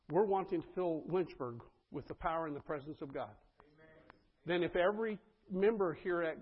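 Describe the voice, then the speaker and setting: A man's voice: on the high side, breathy edge, narrow, tinny audio. A man preaching a sermon as pastor, earnest and conversational, often turning to the congregation with asides.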